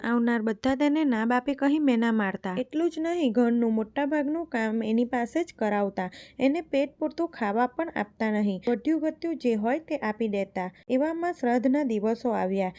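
A woman narrating a devotional folk tale in a steady, even read-aloud storytelling manner. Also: fairly high pitch.

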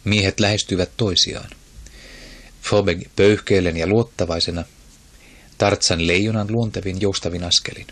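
A man narrating an audiobook in a steady, even storytelling manner. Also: sits low. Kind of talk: scripted narration.

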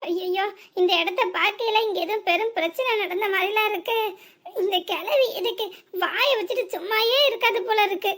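Woman doing a nervous young cartoon village wife, frets to herself, southern tamil nadu accent, super high pitch. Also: fairly quick, a bit bright. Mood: worried. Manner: fretting muttered asides. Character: anxious young village daughter-in-law, nervous worrier.

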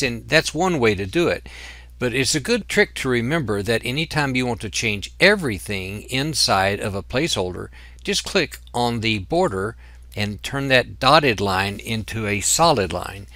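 A man teaching software in a screen-recorded tutorial, explaining each step patiently. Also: on the low side, animated, normal speed, dry recording. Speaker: software instructor.

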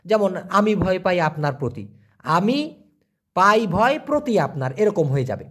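A man from Bangladesh gives a casual video lesson. His pitch swings a lot as he stresses each word. He repeats new words slowly and speaks straight to his viewers. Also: sing-song, fairly bright tone. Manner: explains slowly, repeats words and drills phrases; colloquial, addresses viewers directly. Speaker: language teacher.

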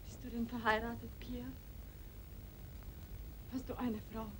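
A woman's voice: a little high, level tone, measured pace, background noise, close to an everyday voice. An actress playing a young woman in love who pleads emotionally with her man in an old film drama. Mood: pleading. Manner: emotional, imploring.

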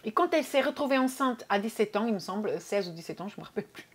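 A woman's voice: medium pitch, lively intonation, quick pace, slightly rough. A woman vlogging casually about her favourite series, chatty, with many hesitations and repeated words. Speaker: YouTube vlogger. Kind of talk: casual series review vlog.

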